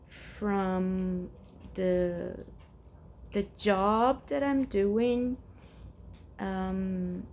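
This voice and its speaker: A vlogger in her forties, from Brazil and a native Portuguese speaker, talks in Brazilian-accented English at home, rambling and hesitating with many restarts. Her voice is medium-pitched with a darkish tone, and there's slight noise in the background.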